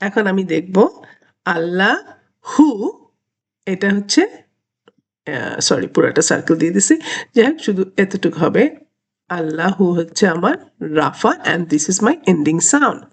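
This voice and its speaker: A woman teaching Quranic Arabic grammar in an online lesson, stretching out each Arabic word slowly and deliberately and slipping English terms into her explanations. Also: fairly low pitch, animated, gravelly, breathy edge. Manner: slow, deliberate, drawn-out Arabic words, mixing English terms.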